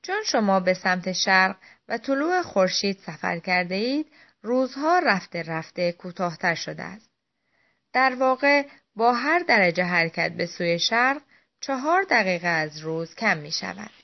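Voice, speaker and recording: A woman's voice: medium pitch, big pitch swings. A woman reading the lines of an earnest, concerned British officer in an audiobook. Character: British officer, worried, quick to anger. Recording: dull lo-fi audio.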